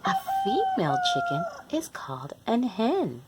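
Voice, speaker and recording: A high-voiced woman reads a picture book aloud at a measured pace, her pitch swooping wildly as she acts out the animal sounds. She hosts the children's read-along, addressing the young listeners directly and expressively, in a very noisy recording.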